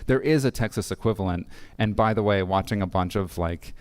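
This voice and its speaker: A man's voice: lowish voice, fairly quick, darkish tone, smooth. Chatty man giving a conference talk. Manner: chatty, joking, many fillers and restarts. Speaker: conference speaker. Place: conference hall.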